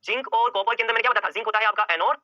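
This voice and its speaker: A man's voice: high voice, fairly even intonation, racing, pushed and bright, dry recording, muffled recording. A male chemistry teacher giving an exam-prep lecture, firing off questions and answering them himself and repeating key points over and over.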